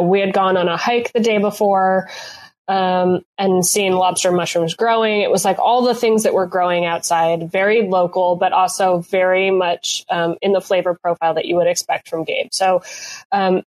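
A woman chef recapping a cooking competition in casual chat, often pausing with ums and restarting her sentences. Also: mid-range voice, a little mellow. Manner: hesitant, lots of ums and restarts.

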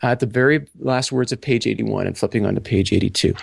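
A man co-hosting a podcast, talking through a book in halting, self-correcting speech and reading passages aloud. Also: lowish voice, gravelly, slightly rough, dry recording, studio quality. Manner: halting, repeats words, reads passages aloud. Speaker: podcast co-host. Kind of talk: casual book discussion.

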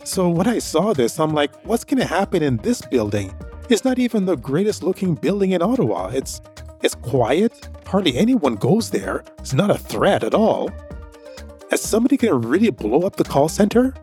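Telling a personal tale on his story podcast, the host rambles casually and keeps repeating himself. His fairly high, sing-song voice moves at normal speed with a darkish tone, backed by soft music.

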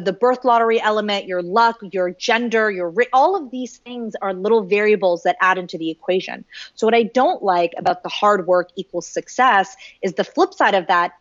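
A woman's voice: mid-range voice, moderate pace, no echo, muffled recording. A woman from Canada giving an interview, talking casually and animatedly, with lots of "like". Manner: animated, uses "like" often. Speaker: guest.

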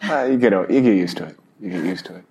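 A man with a fairly low voice chats casually as a podcast guest. He rambles a little, with halting phrases and loose asides. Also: lively intonation, darkish tone, highs cut off. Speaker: podcast co-host and sponsor guest. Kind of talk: casual interview chat.

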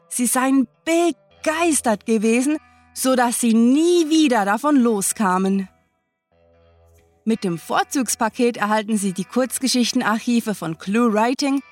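A woman hosting a podcast, delivering a tongue-in-cheek TV shopping-channel sales pitch with exaggerated, bubbly hype. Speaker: podcast host.

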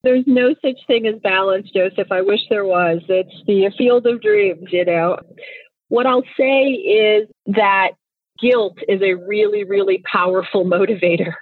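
She's a guest on the show: a thirties-aged founder from Nigeria, Igbo being her first language, reflecting earnestly on interview questions and frequently starting over. The medium-pitched voice comes at a measured pace, and the recording is dry but tinny, like a phone line.

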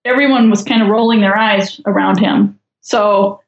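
A woman's voice: medium pitch, fairly even intonation, moderate pace, reverberant, lo-fi sound. A woman guest in a casual podcast chat, talking with a wry, chatty, judgmental humor.

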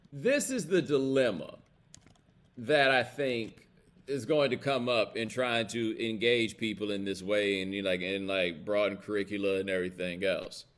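Fairly low in pitch but fairly bright in tone, an American man hosts a live commentary livestream. His style is casual, opinionated, blunt and colloquial, with emphasis and regular check-ins with his audience.

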